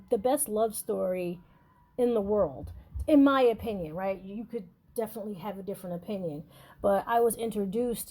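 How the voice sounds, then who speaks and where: A woman's voice: mid-range voice, mellow. A woman giving a casual spiritual talk about deities, rambling with many fillers and restarts. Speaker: spiritual shop owner teaching about deities.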